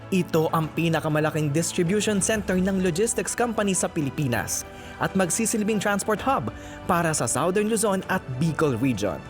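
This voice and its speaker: Brief: male narrator, slightly high, lively intonation, soft music bed. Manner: formal announcer reading. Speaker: video narrator. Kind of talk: scripted narration.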